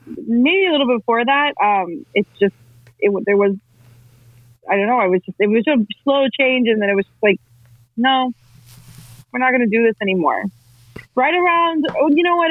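A woman's voice: medium pitch, no echo. A woman on a conference call whose audio breaks up, talking candidly, swearing casually and poking fun at herself. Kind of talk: casual discussion. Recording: tinny call line, dry.

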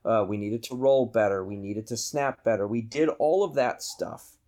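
A man's voice: mid-range voice, moderate pace, dark tone. Man with a Boston accent telling stories. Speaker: podcast guest, aerobatic pilot. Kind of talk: casual anecdotal storytelling.

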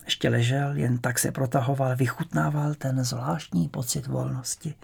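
A male storyteller reads the tale at an even pace, his voice carrying a gravelly edge. He keeps the narration calm and measured, in a middle register. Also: mid-range voice. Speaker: audiobook narrator. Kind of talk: scripted narration.

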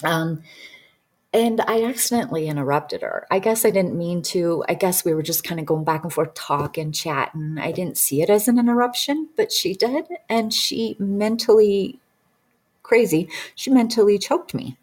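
A woman's voice: lowish voice, lively intonation, normal speed, darkish tone. A woman in her thirties, a healing practitioner, telling a personal story in a casual, rambling way with many fillers and restarts. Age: 30s.

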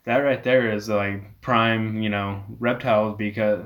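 Low-pitched man chatting casually as a guest. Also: steady tone, measured pace, fairly bright tone. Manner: rambling, peppered with "you know". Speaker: interview guest, reptile rescue owner. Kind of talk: casual explanatory chat.

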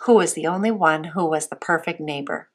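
A woman teaching a Bible lesson to young children as a Sunday school teacher, sweet and patient, asking simple questions with pauses. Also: low voice.

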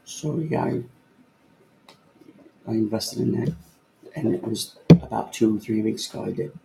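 A man's voice: on the low side, measured pace, creaky. A man in his fifties co-hosting a podcast, chatting casually, rambling and joking with lots of fillers. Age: 50s. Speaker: podcast co-host. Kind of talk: casual chat. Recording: roomy echo, faint ambient noise.

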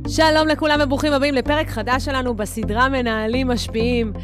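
A woman's voice: sits high, fairly even intonation, over music. A woman hosting a business podcast, welcoming a guest in an upbeat way. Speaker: podcast host. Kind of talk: podcast host introduction.

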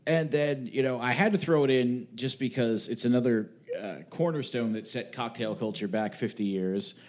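With a mid-range voice at normal speed, a male podcast co-host chats casually, rambling wryly and swearing now and then.

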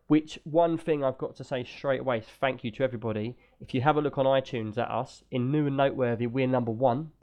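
A man's voice: medium pitch, fairly quick, few pauses, lo-fi sound. A British man talking casually and enthusiastically as the host of a gaming podcast.

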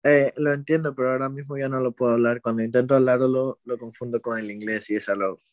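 A man's voice: medium pitch, fast talker, no room sound. Man, young adult, from Ecuador, casual interview talk, self-correcting, dry sound. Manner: relaxed, rambling, with hesitations and self-corrections. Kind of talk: casual conversation.

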